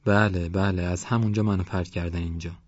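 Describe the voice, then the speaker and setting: Man voicing an old male cleric, low voice, calm, pious, measured, dull lo-fi sound. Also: no room sound. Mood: serene. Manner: serene, measured, preaching.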